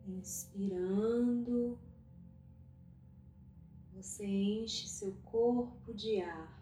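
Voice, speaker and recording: A woman guiding a meditation at a very slow, unhurried pace, her voice mellow and warm. She speaks softly and calmly, leaving long pauses between phrases. The recording has a roomy echo, with faint soft music underneath. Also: mid-range voice. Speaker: meditation guide. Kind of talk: guided meditation.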